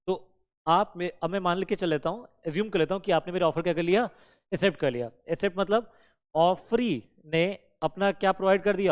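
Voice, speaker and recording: A male law teacher giving a classroom lecture, quizzing his students with questions, answering them himself, and switching between Hindi and English terms. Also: sits high. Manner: addresses students fondly as kids.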